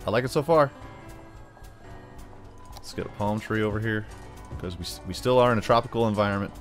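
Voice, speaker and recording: This gaming video host, an American with a voice on the low side, talks fairly quickly as he plays, joking and rambling while working things out aloud. He keeps lapsing into put-on drawls, backed by music.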